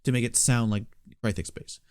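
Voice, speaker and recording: A man giving a casual spoken beatbox tutorial, explaining in a relaxed, matter-of-fact way. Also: medium pitch, fairly quick, no room sound, studio quality.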